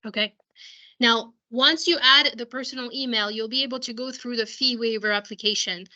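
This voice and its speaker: Her voice a little high and giving out, a school counselor guides parents through software on a video call, explaining in a steady tone at normal speed. She often restarts sentences, and the audio has its highs cut off.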